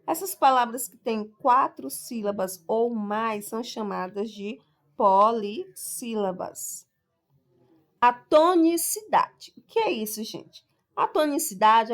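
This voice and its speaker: A woman teacher with a slightly high voice explains her lesson patiently, one step at a time. She slows right down on each example word and keeps checking that her class follows along. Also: a bit bright. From Brazil. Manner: explains step by step, stresses example words slowly. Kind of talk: recorded school lesson.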